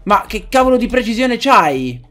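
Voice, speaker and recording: A young man giving casual commentary while playing a game, excitable and quick to yell and swear at it. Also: sits high, soft background music. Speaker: gaming let's-player.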